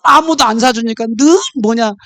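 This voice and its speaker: A man's voice: very high-pitched, normal speed, a bit bright, no echo, studio quality. A man preaching a sermon in church, mixing jokes and stories into his message. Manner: humorous, storytelling. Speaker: pastor.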